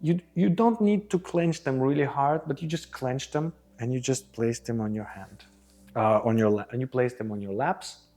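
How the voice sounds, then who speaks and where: A man's voice: medium pitch, moderate pace, warm tone. Reassuring male breathwork instructor. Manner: reassuring, instructional, often checking with "okay?". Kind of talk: guided group breathwork instruction.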